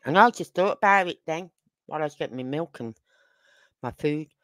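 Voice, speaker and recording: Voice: medium pitch, fairly quick, a bit bright, no echo. Chatty true crime host, dry close sound. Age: 50s. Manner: chatty, asks rhetorical questions. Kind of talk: casual commentary.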